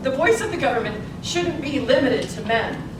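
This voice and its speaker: On stage in an indoor presentation space at a public library, a woman plays an earnest, principled suffragist aged eighty-six in a theatrical interview and monologue. She speaks deliberately and expressively in a slightly high voice. The live recording is echoey, distant and noisy, with clear noise behind her.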